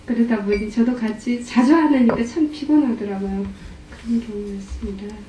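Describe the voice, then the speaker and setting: A woman's voice: fairly high pitch, moderate pace, background noise. A middle-aged woman from the audience, asking a Buddhist teacher about her marriage, hesitant and self-reflective, trailing off. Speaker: questioner from the audience. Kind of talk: confessional question in a dharma talk. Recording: roomy hall, distant from the mic.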